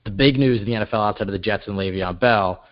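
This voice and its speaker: A man's voice: lowish voice, fast, highs cut off. A male podcast co-host in casual sports chat, talking upbeat and steering the show to its close.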